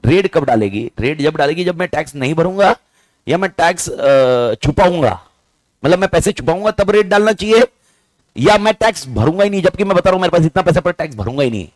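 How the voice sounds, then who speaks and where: A man's voice: on the high side, lively intonation, a little fast, no echo. A man teaching a class, firing questions at students and mixing in English words and playful slang. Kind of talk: classroom lecture.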